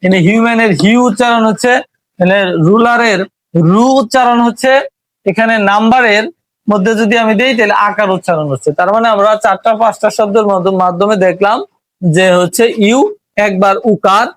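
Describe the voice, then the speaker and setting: A Bangladeshi man teaches a pronunciation lesson in a fairly high voice. He explains patiently and stretches out each letter sound. The recording is close and dry, with no room sound. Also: fairly even intonation, fairly quick, no room sound. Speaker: English teacher.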